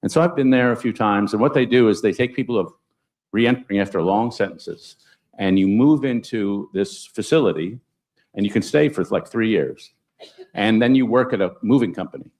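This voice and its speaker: A man speaking on a conference panel, telling anecdotes with sudden upward jumps in pitch for emphasis. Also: a little mellow. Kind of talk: panel discussion storytelling.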